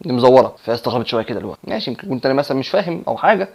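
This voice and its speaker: A young man with an Egyptian Arabic accent, explaining things in a lively, chatty vlog and telling a jokey story. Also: medium pitch, rapid-fire, gravelly, breathy edge. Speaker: vlogger.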